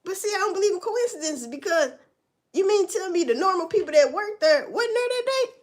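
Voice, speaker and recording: A woman's voice: very high-pitched, expressive, brisk. A woman giving casual, profane and sarcastic commentary, rambling along with sighs and laughs. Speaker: vlogger commenting on news.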